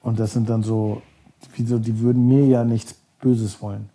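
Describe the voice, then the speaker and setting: A man from Germany speaks as a guest on a podcast. His voice is very dark and a little husky. He tells his stories loosely and rambles, often stopping to search for the right word. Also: medium pitch, little pitch movement, normal speed. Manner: rambling, searches for words, many fillers. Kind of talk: casual storytelling.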